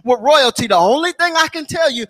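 A man's voice: very high-pitched, lively intonation, a little fast, fairly bright tone, dry recording. A man preaching a sermon in church, repeating his lines in a rhythmic build and sometimes breaking into a sung chant. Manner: repetitive, rhythmic preaching with call-outs to the congregation.

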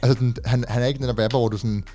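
A man's voice: medium pitch, fairly even intonation, dark tone. A man co-hosting a music podcast, eagerly defending the songs in casual, slangy chat. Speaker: podcast co-host reviewing music.

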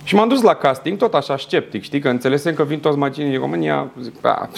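A young man telling a story as a podcast guest, animated and acting out quoted dialogue in his anecdotes. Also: on the high side, gravelly, a little hiss or hum. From Romania. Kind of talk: casual storytelling.

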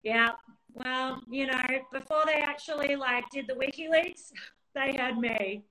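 A woman's voice: high voice, a little slow, bright, forceful tone, low-quality recording. A woman co-hosting a casual chat, talking in a breezy, joking way with casual swearing. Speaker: co-host.

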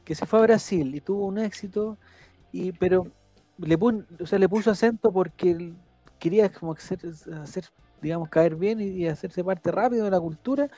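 A man's voice: high-pitched, normal speed, mellow, dry recording, soft background music. A man hosting a casual panel chat, joking and reading out viewers' comments. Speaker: host.

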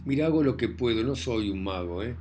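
A man's voice: mid-range voice, animated, a little fast, over music, close to an everyday voice. A man voicing a crude, impatient young man with a Rioplatense accent, brash and slangy. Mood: pushy. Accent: Rioplatense Spanish.

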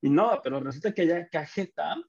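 A young man with a Mexican accent, chatting casually on a podcast and telling animated stories. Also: fairly high pitch, a little fast, creaky, highs cut off. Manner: storytelling, animated in anecdotes, many restarts. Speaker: podcast guest. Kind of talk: casual chat.

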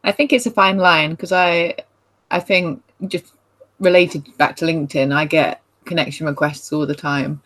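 A woman co-hosting a podcast, chatting with quick asides. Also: deep voice, fairly even intonation, fairly bright tone. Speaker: podcast co-host. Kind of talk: casual podcast conversation.

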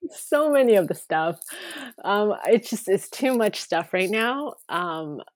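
A woman's voice: medium pitch, animated, takes it slowly, dry recording. A woman, a podcast guest chatting casually, with many fillers and restarts. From Canada. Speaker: guest, K-drama writer.

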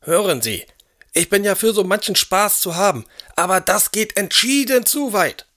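An actor playing an elderly, imperious aristocrat who talks in a gruff, demanding and indignant way in an audio drama. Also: male voice, high-pitched, lively intonation, moderate pace, pushed and bright. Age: older.

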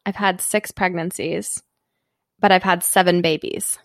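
A woman co-hosting a casual podcast, an animated storyteller who acts out quotes and says "like" a lot. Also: lowish voice, unhurried, dry recording. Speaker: podcast co-host.

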